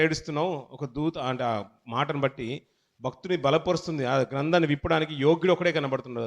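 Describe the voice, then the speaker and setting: A man preaching a sermon as a pastor. He reads scripture slowly and loudly, then explains it in a conversational way, often restarting words and calling his listeners children. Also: medium pitch.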